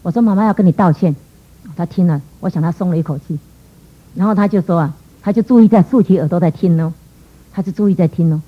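Fast-talking husky middle-aged woman. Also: lowish voice, phone-quality sound. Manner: earnest, animated storytelling with quoted dialogue. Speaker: church testimony speaker. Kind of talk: emotional personal testimony.

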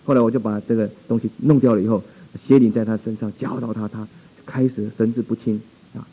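A man's voice: lowish voice, fairly even intonation, brisk, warm tone, husky, rough recording. A male pastor telling a dramatic, exclamatory testimony in a sermon.

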